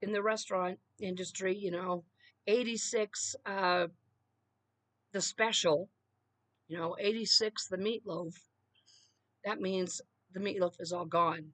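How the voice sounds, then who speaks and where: A woman's voice: medium pitch, fairly even intonation, a little slow, pauses often, a bit bright, dry recording. A middle-aged woman delivering an emphatic solo political rant, punctuating her points with "okay?" and "you know.". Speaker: political commentator.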